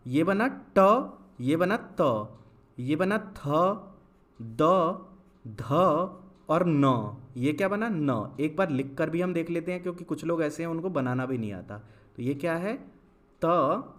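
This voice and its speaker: Young male Hindi teacher, fairly high voice. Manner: asks questions and answers them himself, drawn-out syllable-by-syllable spelling. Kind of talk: classroom-style lesson.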